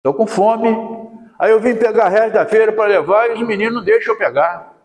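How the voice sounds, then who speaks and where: A man's voice: sits high, brisk, voice pushed up, close to an everyday voice. A man voicing a hungry, poor little boy who pleads plaintively, in an echoey hall. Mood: pleading.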